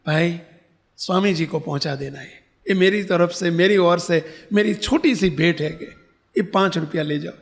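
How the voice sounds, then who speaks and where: A man's voice: high-pitched, normal speed, vocal fry. A man voicing a humble, pious elderly woman who calls out and pleads earnestly. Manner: pleading, calling out.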